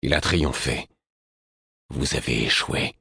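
A man's voice: rumbling low, expressive, measured pace, fairly bright tone, slightly rough, no room sound, full character voice. A man voicing a cold, cutting hero.

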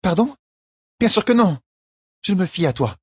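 A man voicing a strong-willed young queen with a firm, quick-tongued, slightly defensive manner, in an audiobook. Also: sits high, very animated, breathy edge, no echo, studio quality, pitched above the performer's own voice, exaggerated voice.

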